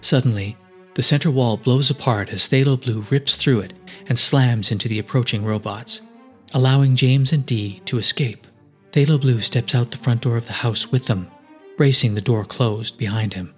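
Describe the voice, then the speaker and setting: A male narrator reads an adventure story in steady, dramatic scripted narration. His voice sits at a middle pitch, and a faint musical score plays quietly beneath him. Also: moderate pace, soft background music.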